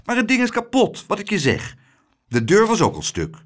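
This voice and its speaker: A man's voice: high-pitched, wildly swooping pitch, normal speed, voice pushed up. Opinionated older woman from a storybook, dismissive and sure of herself; done by the male reader. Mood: scoffing. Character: bossy, know-it-all older woman.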